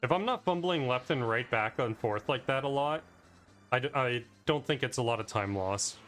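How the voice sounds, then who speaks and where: A man's voice: medium pitch, moderate pace, fairly bright tone, faint music behind. A man casually reviewing his own speedrun, talking loosely with plenty of "like" fillers. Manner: rambling, loose, with frequent "like" fillers. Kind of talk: casual commentary over gameplay.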